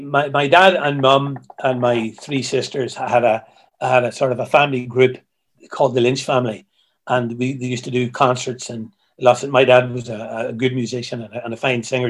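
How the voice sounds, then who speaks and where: A man, a musician guest who tells stories in a halting way, repeating words, heard over a video call. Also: mid-range voice. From Ireland. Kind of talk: casual interview chat.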